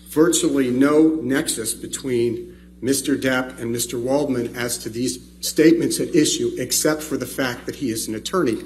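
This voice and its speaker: A man's voice: mid-range voice, a little hiss or hum, rough recording. Attorney's courtroom recording, emphatic man. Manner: emphatic, indignant, repeats words when pressing a point. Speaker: trial attorney. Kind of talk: formal courtroom argument.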